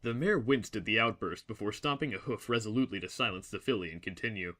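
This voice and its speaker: This is a male narrator recounting a dramatic story, his pitch fairly low but edged with brightness and force. The delivery stays measured, solemn and literary.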